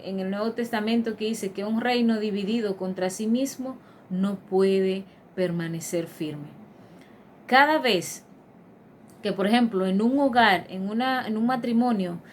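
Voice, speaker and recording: A woman's voice: a little high, a little hiss or hum. Earnest woman preaching a devotional. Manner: earnest, emphatic, with many fillers and restarts. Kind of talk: devotional sermon.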